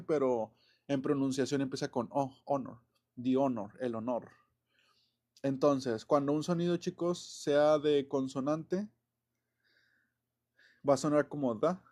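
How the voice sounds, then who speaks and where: A man's voice: medium pitch, darkish tone. A man explaining English grammar in a loose, chatty way, with many fillers, self-corrections and small chuckles. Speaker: English teacher. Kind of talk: casual classroom explanation.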